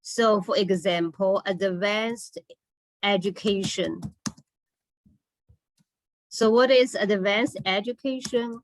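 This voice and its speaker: A woman English teacher giving a classroom lesson, speaking deliberately, repeating words and often checking in with a short okay or all right. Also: medium pitch, rough recording. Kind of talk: slow classroom lesson with read-and-repeat drilling.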